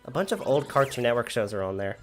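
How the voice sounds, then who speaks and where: A man's voice: medium pitch, big pitch swings, fast talker, soft background music. A man in his twenties chatting casually on a gameplay livestream, rambling and laughing often as he reads chat. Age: 20s.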